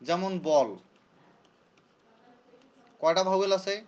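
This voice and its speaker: A man's voice: high-pitched, slow, muffled recording. A man teaching a classroom lesson who repeats his points and quizzes his students. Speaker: English teacher. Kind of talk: classroom lecture.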